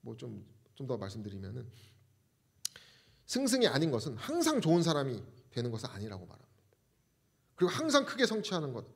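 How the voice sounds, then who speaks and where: A man's voice: mid-range voice, wildly swooping pitch, fairly quick, vocal fry, long pauses. A man preaching a sermon as a pastor, asking the congregation rhetorical questions.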